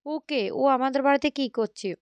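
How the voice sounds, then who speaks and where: A woman voicing a kind, devoted young woman who speaks gently. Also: sits high, fairly even intonation, a little fast, no room sound, voice pushed up. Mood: earnest. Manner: gentle, pleading.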